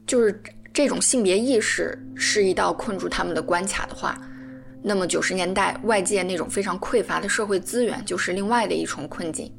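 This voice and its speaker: Woman narrating calmly over faint music. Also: medium pitch, a little fast, vocal fry. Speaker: podcast narrator. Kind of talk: scripted narration.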